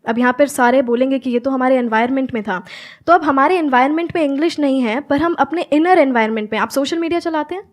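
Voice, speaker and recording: A woman's voice: high voice, quick pace. A young woman from Haryana, a guest giving earnest answers in an interview and mixing Hindi with fluent English. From Haryana, India. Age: young adult. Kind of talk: answering interview questions on stage.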